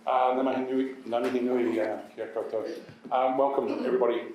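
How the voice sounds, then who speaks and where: Halting New MC, distant and echoey. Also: male voice, mid-range voice, fairly even intonation, lo-fi sound, slight background noise. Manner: halting, many uhs and restarts. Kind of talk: hosting an event. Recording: echoey hall from far off.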